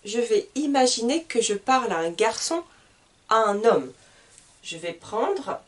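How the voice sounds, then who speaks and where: Woman from France, language teacher, very slow deliberate delivery, sing-song pitch, a bit distant from the mic. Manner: spells out each word, repeats example questions. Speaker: French teacher.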